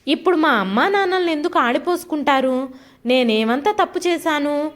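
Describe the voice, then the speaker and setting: A woman's voice: sits high, expressive, normal speed. A woman voicing a timid young wife who answers her husband hesitantly and with hurt, in a storybook reading. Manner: hesitant, pleading.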